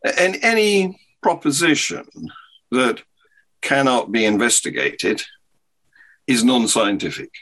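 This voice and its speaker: Lively, bright-voiced man. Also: medium pitch. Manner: halting, thoughtful, laughs often. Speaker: guest. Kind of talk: casual podcast chat.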